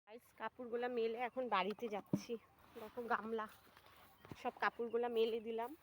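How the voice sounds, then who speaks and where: Young woman, fairly high voice, casual running commentary, faint noise behind. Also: flat delivery, a little fast. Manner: chatty, narrating chores to viewers. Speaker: vlogger. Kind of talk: casual vlog chat. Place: rural home and riverside.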